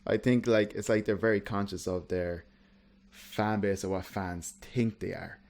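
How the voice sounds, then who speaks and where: A man's voice: lowish voice, steady tone, unhurried, a little mellow. A man, chatting bluntly on a podcast and hedging his opinions. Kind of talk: casual chat.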